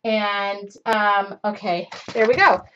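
Speaking at a slow, steady pace with a fairly bright mid-range voice, this forty-something woman runs a live craft demo in her home studio, wandering off topic and cutting herself off as she works. Her webcam sits in front of her, and the dull lo-fi stream carries a slight hiss or hum.

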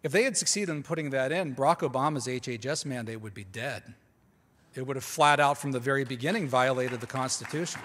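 A man addresses a conference audience from a podium microphone, his voice at a middling pitch with a long reverb trailing behind it. He speaks with emphasis, doubles words as he restarts, and breaks off to put questions to the room. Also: a little fast, a bit bright, a faint crowd, slight background noise. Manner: emphatic, often repeats words when restarting; talks directly to the audience with asides. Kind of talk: conference lecture. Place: large conference hall.

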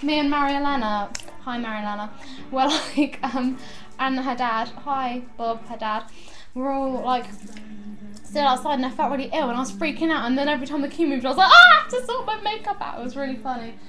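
A young woman vlogging to her camera, rambling excitedly and giggling as she chats. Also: sits high, brisk. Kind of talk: casual chatty vlog.

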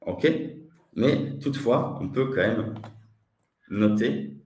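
A man's voice: medium pitch, slow pace, a little mellow, roomy sound, recorded from a distance. A man from Switzerland with a Swiss French accent, teaching an online webinar lesson, hesitant and repeating his words as he answers the chat.

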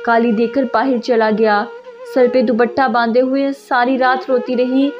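A woman narrates a sad story in a steady, emotive reading. Her voice is high, the recording is dull and lo-fi, and music plays throughout. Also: a little slow.

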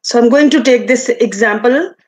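A woman with an Indian accent giving an online lecture with a screen demonstration, explaining in a halting way over a video call. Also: on the high side. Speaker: resource person, lecturer. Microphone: video call from computer.

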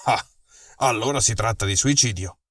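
A man voicing an agitated, irritable police inspector in an audiobook mystery, exclaiming in a lowered voice. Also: moderate pace, a bit bright, dry recording, clean studio sound. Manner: flustered, exclaiming. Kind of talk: audiobook dialogue.

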